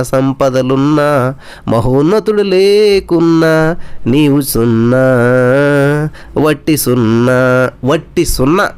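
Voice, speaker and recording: A man's voice: a little high, darkish tone, smooth. A man preaching a sermon with emphatic rhetorical questions, mixing English words into his speech.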